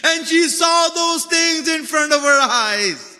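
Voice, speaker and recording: In a long, reverberant hall echo, a male preacher and religious lecturer delivers an emotional mourning sermon as dramatic storytelling. His extremely high, bright voice is forceful, slow, and lively in intonation, plaintive and impassioned, with phrases repeated for emphasis.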